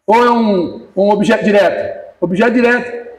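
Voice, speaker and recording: A man's voice: high voice, normal speed, roomy sound, distant mic, low-quality recording. A man preaching a casual sermon, joking and acting out little dialogues as he calls on people in the congregation by name. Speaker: pastor.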